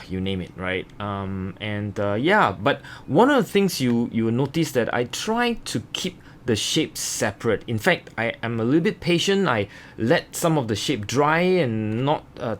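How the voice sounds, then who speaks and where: A man with a mid-range voice, an art instructor, gives a casual watercolor tutorial. His explanations are informal, hesitant and meandering.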